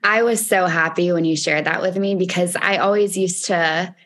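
A woman's voice: fairly low pitch, fairly even intonation, moderate pace, a bit bright. A woman hosting a podcast conversation, speaking earnestly with frequent "like" fillers and easy laughter. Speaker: podcast host. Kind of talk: casual conversational interview.

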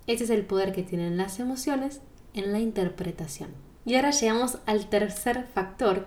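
Calm Rioplatense woman singing teacher. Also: mid-range voice. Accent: Rioplatense Spanish. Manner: calm, explanatory, speaks straight to the listener. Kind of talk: podcast monologue.

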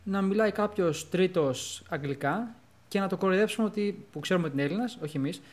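A young man co-hosting a podcast in casual conversation, talking in animated quick bursts. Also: sits high. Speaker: podcast co-host.

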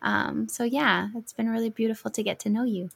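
A woman's voice: fairly high pitch, fairly even intonation, fairly quick, gravelly, breathy edge. A woman hosting a podcast, enthusiastic and bubbly as she welcomes and questions her guest. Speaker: podcast host. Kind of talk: casual interview chat.

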